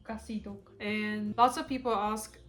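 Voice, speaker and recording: A woman's voice: medium pitch, level tone, measured pace, fairly bright tone, faint music behind. A young adult woman from South Korea with a Korean accent, chatting bluntly in a couple's Q&A video. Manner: chatty, blunt, laughs often. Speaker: co-host of a couple channel. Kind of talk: casual Q&A chat.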